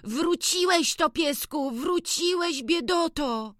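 A narrator doing an excited young village boy. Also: slow pace, no room sound, studio quality. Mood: joyful. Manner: excited, chattering, high.

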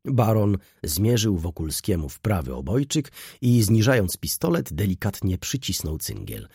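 A man narrating a classic novel in an expressive, theatrical reading. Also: lowish voice, husky, no echo, clean studio sound. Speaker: audiobook narrator.

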